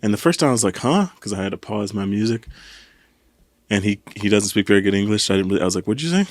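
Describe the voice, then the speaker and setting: A man's voice: fairly low pitch, rapid-fire, no room sound. A man casually telling a story on a podcast, acting out what people said. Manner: animated storytelling, acts out quotes. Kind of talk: casual chat.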